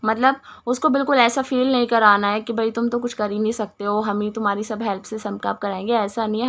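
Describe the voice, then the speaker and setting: Hoarse woman teaching with a cough. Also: fairly high pitch, a bit bright. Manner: explains each answer with many restarts, mixes English words. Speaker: teacher going through exam questions. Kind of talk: Hindi exam-prep lesson.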